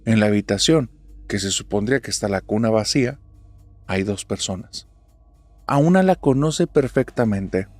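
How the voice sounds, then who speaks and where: A man's voice: lowish voice, expressive, normal speed, no room sound. Man narrating a horror story, dry sound. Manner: dramatic, hushed at tense moments. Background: faint music.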